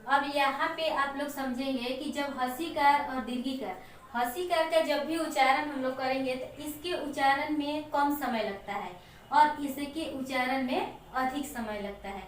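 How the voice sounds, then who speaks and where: A woman teacher explaining a Hindi lesson to children slowly and step by step, with example words. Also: high-pitched. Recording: echoey room, mic far off, faint noise.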